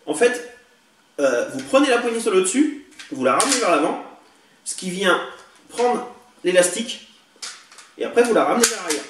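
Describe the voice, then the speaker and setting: The toy-collector vlogger's high, sing-song voice moves at a moderate pace with frequent pauses as he chattily presents his new toy blasters, hesitant and heavy on fillers. It's recorded indoors on a distant camera mic, with room echo and faint hiss.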